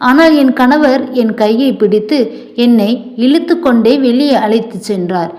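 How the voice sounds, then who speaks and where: A woman narrating a dramatic first-person story in a steady, recounting way. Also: on the high side.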